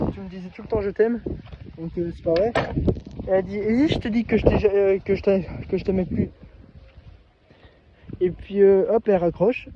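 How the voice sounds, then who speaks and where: High-voiced hesitant man telling a story. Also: noisy background. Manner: hesitant, halting, many restarts. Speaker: vlogger. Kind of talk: casual storytelling to camera. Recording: dull lo-fi recording.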